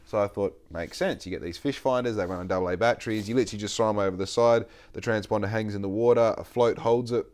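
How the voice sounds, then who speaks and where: Australian bloke, late 20s, podcast host; rambly, swears a lot, lowish voice. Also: male voice, quick pace, hardly any pauses, darkish tone, clear, resonant tone. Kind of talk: casual chat.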